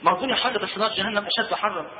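A man's voice: sits high, very fast. A man with an Egyptian accent giving a colloquial religious lesson, chatty and full of rhetorical questions. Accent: Egyptian Arabic. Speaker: preacher. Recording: tinny lo-fi roomy recording.

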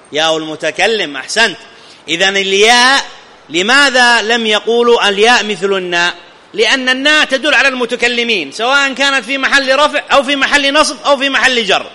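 A man's voice: high-pitched, sharp tone. A man teaching a live classroom grammar lesson, often stopping to question students and check that they follow. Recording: long reverb in a hall.

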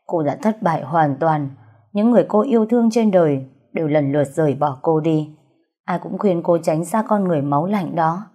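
A woman narrating a story in a steady, even reading voice. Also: sits low, brisk, breathy edge. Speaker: audiobook narrator.

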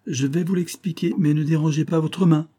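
Male reader doing a duke, cool and cutting, pitched up, dark husky tone. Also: fairly even intonation, brisk. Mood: commanding. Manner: cool, accusing, authoritative. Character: nonchalant commanding aristocratic duke.

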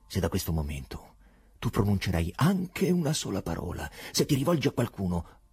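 A man reading an audiobook, voicing a tormented Roman procurator who shifts between roaring shouts and hoarse, menacing whispers. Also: on the low side, sing-song, normal speed, exaggerated voice. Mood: hoarse menace. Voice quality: hoarse, voice worn from commands.

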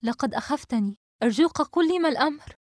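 A woman's voice: fairly high pitch, expressive, fast talker, a little mellow, dry recording, clean studio sound, voice pushed up, lightly acted. A woman reading a novel aloud, voicing an anxious young woman in urgent, pleading tones.

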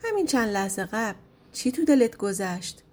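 A woman's voice: on the high side, big pitch swings, a little mellow. A woman voicing Azrael, a stern mocking angel of death. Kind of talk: storybook narration.

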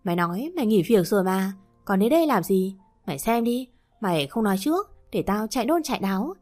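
A woman's voice: medium pitch, expressive, normal speed, lightly acted. A harsh older woman who owns an eatery scolds with contempt and brushes people off. A woman narrator voices her close to her own voice. Light music plays faintly underneath. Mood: scolding.

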